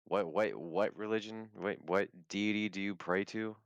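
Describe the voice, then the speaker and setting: A man's voice: lowish voice, moderate pace, smooth, no echo, low-quality recording. A man playing his character in a tabletop game, talking loosely with many restarts and frequent swearing. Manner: stammering, restarts, swears freely. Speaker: player. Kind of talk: casual in-character game chat.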